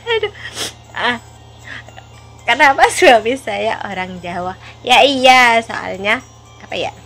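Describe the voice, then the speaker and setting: Slow-talking giggly woman. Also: fairly high pitch, animated, gravelly, fairly bright tone, faint music behind. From Java. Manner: giggly, self-mocking, laughs often between phrases. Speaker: vlogger. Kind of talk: casual storytelling vlog.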